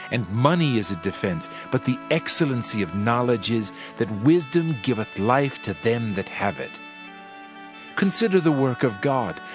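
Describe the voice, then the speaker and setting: A male actor with a lowish voice reads scripture for a dramatized audio Bible, portraying a solemn, reflective preacher of ancient wisdom. His delivery is measured and declamatory, and background music plays beneath him.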